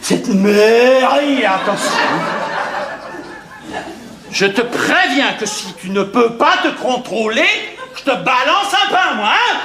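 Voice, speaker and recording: A spluttering, indignant cheating husband. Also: male voice, very high voice, sing-song, slow, noisy background, heavily acted. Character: exasperated cheating husband, middle-aged man. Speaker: stage actor. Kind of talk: live stage farce. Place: theater stage with live audience. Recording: roomy theater, loud audience laughter.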